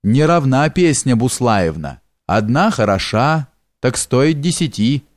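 A man's voice: mid-range voice, big pitch swings, unhurried, no room sound, studio quality. A man voicing a sly, fawning male steward in an audiobook, with a coaxing, wheedling way of talking. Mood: jovial.

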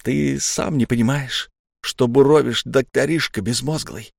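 A man's voice: medium pitch, a little slow, vocal fry, dry recording, clean studio sound. A man doing a growling guttural demonic entity. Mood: scornful menacing. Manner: insolent, scornful. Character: malevolent dark entity possessing a male patient, brazen and cruel.

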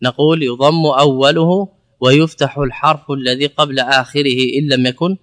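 Bright-voiced man teaching grammar. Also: medium pitch, steady tone. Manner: explains step by step, asking and answering his own questions; repeats words slowly for drill. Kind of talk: classroom lecture on grammar.

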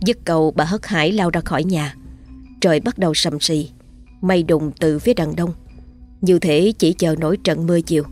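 A woman narrating a storybook in a measured, descriptive way. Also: lowish voice, darkish tone. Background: faint background music.

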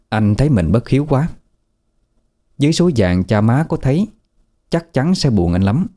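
Mellow-voiced male story narrator. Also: lowish voice. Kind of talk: scripted narration of a ghost story.

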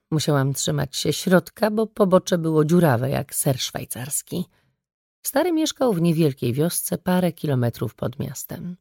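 A woman reading a first-person audiobook story with brisk, wry storytelling. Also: on the low side, dark tone, no echo, clean studio sound. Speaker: audiobook narrator. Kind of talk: scripted first-person narration.

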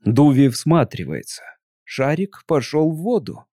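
A man narrating a storybook in an even, measured way. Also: fairly high pitch, dry recording, clean studio sound. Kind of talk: audiobook reading.

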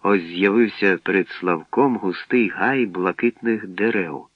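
A man narrating a story from a script, with steady storytelling that shifts into acted voices. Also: low-pitched, a little slow, no room sound. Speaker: audiobook narrator. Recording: dry, dull lo-fi recording.

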